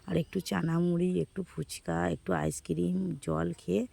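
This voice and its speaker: A hoarse woman from West Bengal narrating her casual vlog outdoors, chatting with viewers as friends. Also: lowish voice, flat delivery, unhurried, dark tone. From West Bengal, India. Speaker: vlogger.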